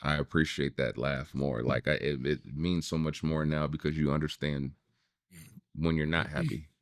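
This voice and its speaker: Very deep-voiced man in his thirties. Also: normal speed, no room sound, clean studio sound. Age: 30s. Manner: relaxed, reflective, swears casually. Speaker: podcast host. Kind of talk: casual podcast conversation.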